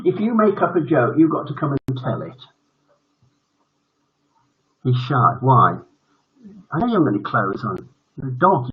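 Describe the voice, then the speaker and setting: The voice is mid-range and slightly rough, from a British man in his seventies. Hosting a bedtime story stream, he reads tales and chats casually, and the livestream sound is dull and lo-fi.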